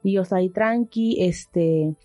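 A young woman with a dark, mellow voice tells a long personal story in relaxed chat. She rambles and circles back with frequent fillers and restarts. Faint music plays underneath. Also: fairly low pitch, normal speed, no echo.

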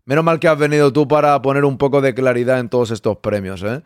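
A man's voice: medium pitch, fairly even intonation, fast talker, clear, resonant tone, dry recording, studio quality. Chatty jokey man hosting. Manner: jokey, chatty, reads chat messages aloud. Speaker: podcast host. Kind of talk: live-stream chat greeting viewers.

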